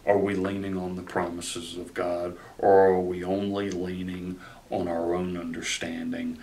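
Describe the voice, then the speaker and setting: A man in his forties, a pastor preaching a sermon from a chair in a study, animated and gesturing, often repeating words as he starts a phrase. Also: low voice, unhurried. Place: study with bookshelves, indoors.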